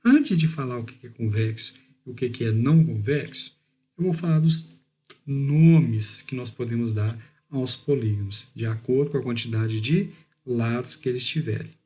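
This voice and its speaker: A man's mid-range, dark voice carries a Brazilian Portuguese accent as he teaches math in a recorded lesson. Going step by step, he draws out important words slowly and keeps asking "beleza?".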